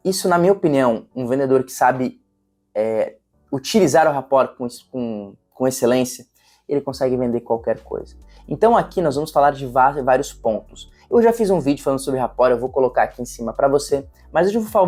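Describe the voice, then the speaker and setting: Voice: medium pitch, dark tone. Sales trainer explaining step by step. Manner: didactic, step-by-step, restates points. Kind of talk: instructional video talk.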